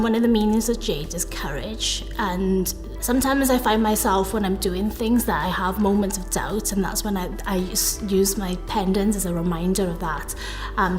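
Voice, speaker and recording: A woman in her thirties from South Wales, talking earnestly about her career in an interview, often hedging with fillers and correcting herself mid-sentence. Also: medium pitch. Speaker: interviewee, data professional. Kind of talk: reflective interview talk.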